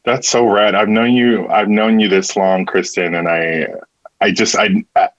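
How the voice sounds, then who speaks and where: Man, theatre director, earnest, stumbling restarts, lowish voice, dry close sound. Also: fairly even intonation, measured pace, no room sound, lo-fi sound. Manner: earnest, many restarts and repeated words. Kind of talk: casual conversation.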